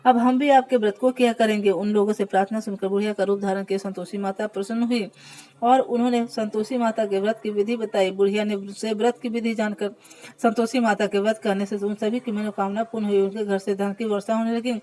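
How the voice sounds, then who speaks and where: A woman reading a devotional fasting tale aloud, at a steady pace that often stumbles and corrects itself. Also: medium pitch, rough recording. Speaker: devotional storyteller.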